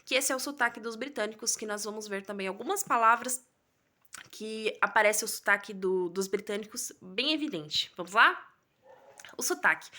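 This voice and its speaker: Bright-voiced Brazilian woman teaching. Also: medium pitch. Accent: Brazilian Portuguese. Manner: didactic, keeps addressing viewers with tag questions. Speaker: English teacher. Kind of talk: online video lesson.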